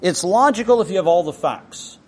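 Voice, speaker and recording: A man's voice: high-pitched, lively intonation, brisk, a little mellow, breathy edge. A man preaching a sermon, telling stories in a conversational way with frequent restarts.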